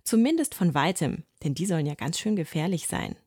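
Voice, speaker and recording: A woman narrating a children's storybook in a calm, gently expressive reading. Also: fairly low pitch, fairly quick, breathy edge, no echo, studio quality.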